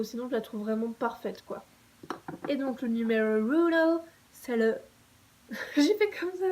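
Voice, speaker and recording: A woman's voice: fairly high pitch, a little mellow, rough recording. A young woman talking casually to camera, reviewing her favourite makeup products in a chatty, enthusiastic way with frequent fillers and restarts. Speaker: beauty vlogger.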